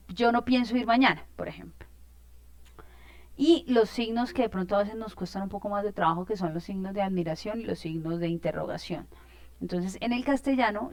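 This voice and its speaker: A woman's voice: medium pitch, a little mellow, no room sound. A woman teacher, explaining a lesson in an informal way, with many fillers and check-in questions.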